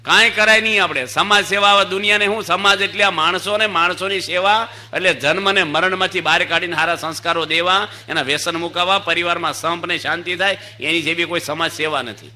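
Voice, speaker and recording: A man's voice: sits high, steady tone, fairly quick, sharp tone. A man giving a sermon to an audience that includes children, telling stories and putting questions to the listeners. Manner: storytelling with voiced characters, asks the audience questions. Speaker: swami giving a religious discourse. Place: assembly hall with children in the audience.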